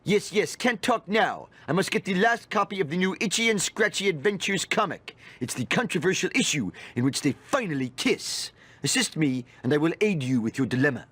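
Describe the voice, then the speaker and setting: A man's voice: sits high, expressive, fairly quick, a bit bright, slightly rough, heavily acted. A man voicing a pompous, sarcastic middle-aged comic shop nerd in a cartoon game, over-enunciating florid phrases. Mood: pompous, disdainful.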